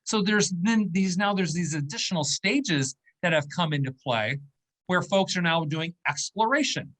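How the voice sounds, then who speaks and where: A business owner in his fifties, guesting on an interview, explains in a conversational style, checking in with "okay?" and "right?". His voice is high, expressive and a bit bright at normal speed, though the recording is low quality.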